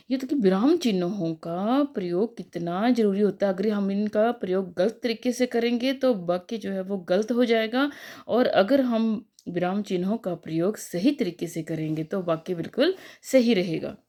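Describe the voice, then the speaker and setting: A young woman with a mellow, darker voice walks through a grammar lesson step by step. She talks patiently, often checking in with a quick "okay" and a filler before slowing down on her examples. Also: mid-range voice. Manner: patient, repeats "ठीक है" and "अ" fillers, slows on examples. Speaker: teacher. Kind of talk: explanatory Hindi grammar lesson.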